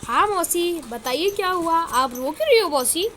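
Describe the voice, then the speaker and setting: A woman's voice: very high-pitched, animated, normal speed, sharp tone, a little hiss or hum, voice pushed up, full character voice. A woman voicing an earnest young boy who adores his aunt.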